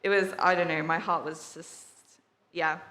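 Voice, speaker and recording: A woman's voice: deep voice, fairly even intonation, normal speed, fairly bright tone. Chatty young woman in an echoey hall. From England. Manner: chatty, laughing, many fillers. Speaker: workshop participant sharing testimony. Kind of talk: casual testimony with slides. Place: church service hall.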